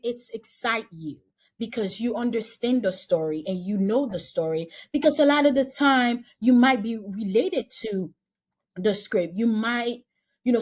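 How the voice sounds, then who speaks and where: A woman's voice: fairly high pitch, darkish tone. Chatty woman casting director. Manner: chatty, repeats and restarts phrases. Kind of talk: casual interview chat.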